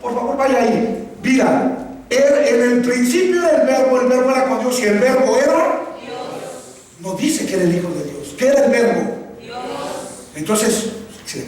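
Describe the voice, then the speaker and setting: A man's voice: extremely high pitch, expressive, normal speed, long pauses, a little mellow. A man preaching a sermon, quizzing the congregation and having them repeat his words. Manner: questioning the congregation, calls for repetition. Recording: echoey hall, voice from far off, faint ambience.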